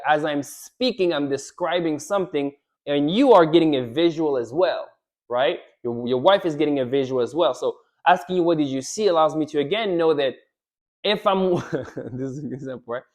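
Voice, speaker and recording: Animated man coaching husbands. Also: fairly high pitch, moderate pace. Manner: animated, repeats "right?", acts out quoted lines. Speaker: relationship coach. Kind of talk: direct-to-camera advice talk.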